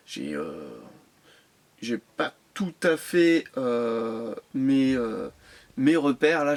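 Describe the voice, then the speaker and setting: A man chatting casually while unboxing and reviewing his die-cast toy cars, hesitant and full of repeated words. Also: fairly high pitch. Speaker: toy car collector vlogger.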